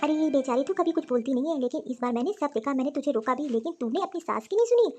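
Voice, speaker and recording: A woman's voice: sits high, expressive, quick pace, dark tone, faint music behind. A woman voicing a stern, proud elderly grandmother-in-law in a cartoon story who scolds and lectures her family. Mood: lecturing.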